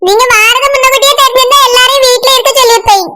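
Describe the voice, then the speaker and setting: Cartoon hostess: woman voicing a fussy, apologetic village mother, very high-pitched. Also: rapid-fire. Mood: fussing. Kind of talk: cartoon voice acting.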